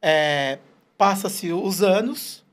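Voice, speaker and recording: This man in his forties draws out his words in a high voice while guesting in a casual interview. Animated and storytelling, he quotes others with short put-on voices.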